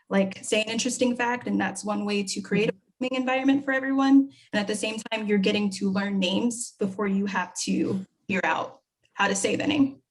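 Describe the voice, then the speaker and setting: A woman's voice: medium pitch, low-quality recording. A woman tentatively offering a suggestion in a panel discussion.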